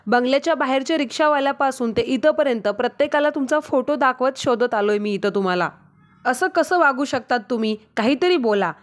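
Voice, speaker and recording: A woman's voice: sits high, brisk, natural voice. A woman reading the lines of an anxious young husband who scolds his wife out of worry. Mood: worried scolding. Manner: urgent, worried scolding.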